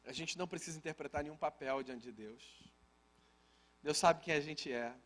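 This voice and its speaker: A Brazilian pastor with a fairly high voice preaches to his congregation. He moves easily between scripture and a homely family anecdote, talking to the people in front of him as if chatting with friends. He keeps slipping in playful asides to the room. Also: normal speed, a bit bright. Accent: Brazilian Portuguese. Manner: conversational, humorous asides to the congregation. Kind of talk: sermon with personal storytelling. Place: church service.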